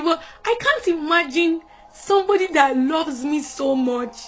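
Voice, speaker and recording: A high-pitched woman delivers a fervent sermon, repeating her phrases and swinging between soft murmurs and sudden cries. Faint music plays underneath her voice. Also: low-quality recording. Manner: fervent, repetitive, breaks into laughter and shouts. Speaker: preacher.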